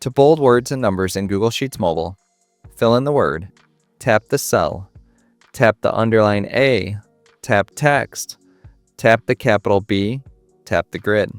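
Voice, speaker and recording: Low-voiced man reading out tutorial steps. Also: measured pace, dry recording. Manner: instructional, clipped imperative steps. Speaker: tutorial narrator. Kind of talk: scripted step-by-step tutorial narration. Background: music.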